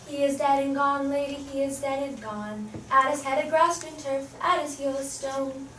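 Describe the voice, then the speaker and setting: A woman with a high, a bit bright voice and fairly even intonation speaks at a normal speed while acting in verse drama. Her role is a young noblewoman whom grief has driven mad, so she wanders distractedly from words into bits of song. The sound comes from far off in an echoey hall, with a little hiss or hum.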